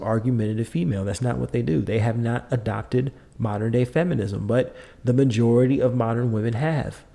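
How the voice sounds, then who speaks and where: Middle-aged male podcast host; mid-pitched, warm dark timbre; emphatic, repetitive, lecturing delivery. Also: creaky. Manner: emphatic, lecturing, repeats points. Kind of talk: opinionated monologue.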